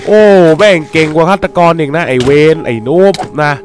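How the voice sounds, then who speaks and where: A young man giving casual, teasing commentary while playing a game, getting excitable at times. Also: on the high side, a little fast, soft background music. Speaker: gaming YouTuber.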